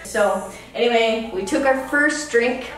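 Woman, 30s, beer vlog host, profane, rambling, slightly high, distant, roomy echo. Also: measured pace. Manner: profane and rambling, loud whoops. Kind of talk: casual chat. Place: home. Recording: echoey room from far off.

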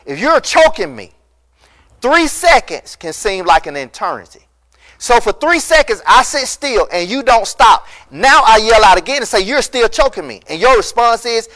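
Wearing a lapel mic in an empty church hall, a middle-aged pastor delivers a recorded sermon with emphatic passion that climbs to loud peaks. His voice sits high.

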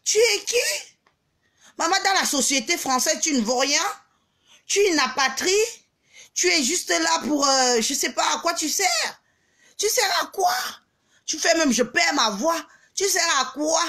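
A woman ranting on her vlog, taunting and mocking, with bursts of shouting and scornful laughter. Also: extremely high pitch, lively intonation, unhurried. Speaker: vlogger. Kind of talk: angry social media rant.

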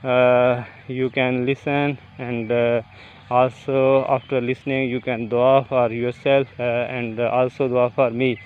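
A man vlogging outdoors on a golf course while walking, talking haltingly with many fillers into a phone camera. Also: medium pitch, level tone, clear, resonant tone, phone-quality sound. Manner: halting, many fillers, non-native phrasing. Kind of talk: walking vlog, reciting prayers then casual talk. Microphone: phone camera held while walking.

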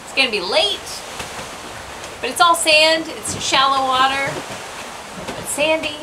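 A woman in her thirties chatting in a relaxed way while sailing a boat. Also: high-pitched, measured pace, background noise. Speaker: sailing vlogger. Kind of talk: casual chat. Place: outdoors on a sailboat at sea.

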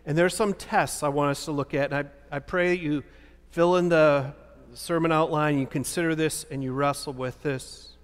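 A man in his fifties preaches from a lectern in a large church, his voice high for a man. He poses rhetorical questions and answers them with animated emphasis. A long hall reverb trails each phrase. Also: moderate pace, clear, resonant tone. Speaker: pastor. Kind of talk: sermon.

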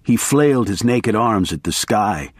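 Lively male audiobook narrator. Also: fairly low pitch, a little slow, no echo, studio quality. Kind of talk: first-person audiobook narration.

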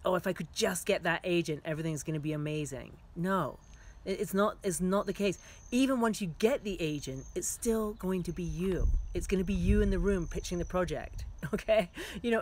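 A middle-aged woman talks straight to the viewer in a frank, animated way, giving career advice as a working filmmaker. Her voice sits at an everyday middle pitch. She is casual and direct, and she leans on "like" and "you know" as she goes.

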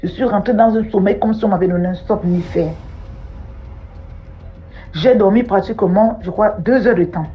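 A woman recounting a personal testimony, plainly told, rising high and urgent in distress. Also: normal speed, long pauses. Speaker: testimony speaker. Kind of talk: personal testimony, spoken storytelling. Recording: dull lo-fi audio with faint music.

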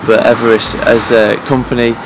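A man in his thirties, a head groundsman, speaking earnestly to camera outdoors at pitch side in an empty stadium, pausing often with fillers and restarts. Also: flat delivery, background noise. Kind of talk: promotional interview to camera.

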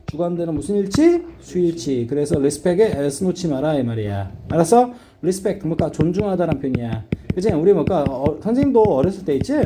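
His voice is a little high and warm, with a faint hiss or hum in the audio. A middle-aged man giving a classroom lecture on English reading, he's blunt and casual and checks understanding nonstop with quick questions.

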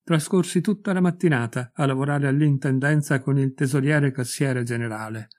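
A man narrating a short story as an audiobook reader, in a measured, clear storytelling delivery. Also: medium pitch, darkish tone.

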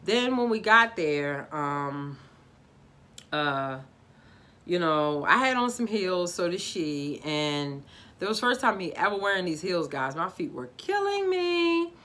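In her decorated living room, this forties YouTube vlogger from Baltimore, USA, talks to viewers in a relaxed video review with her local accent. She gestures animatedly and addresses everyone as "guys," speaking slowly in a lowish voice.

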